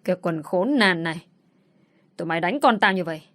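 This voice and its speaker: Woman reader as a loyal older father, gruff and protective of his daughter. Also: fairly low pitch, lively intonation, brisk, fairly bright tone. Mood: enraged. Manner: fatherly, caring, then cursing in rage.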